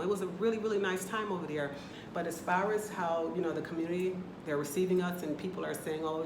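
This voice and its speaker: Her low-pitched voice carries an American accent from the Atlanta area, United States, as she vlogs casually about her travels from a rental apartment. Echo and background noise fill the recording, and she's a candid, talkative travel vlogger who wanders into loose asides.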